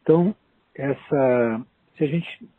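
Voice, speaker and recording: A man with a Brazilian accent giving an unscripted business presentation as an investment officer, halting and explanatory. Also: medium pitch, no echo. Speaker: investment fund chief investment officer. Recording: noisy narrow phone line.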